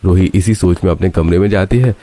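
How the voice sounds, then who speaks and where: A man narrating a cartoon story in a steady storytelling style. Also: deep voice, fairly quick. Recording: faint background noise.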